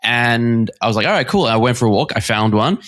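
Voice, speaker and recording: A man's voice: medium pitch, flat delivery, brisk, a bit bright. A man co-hosting a podcast in casual chat, rambling with restarts and laughing often. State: recovering from covid. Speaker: podcast co-host.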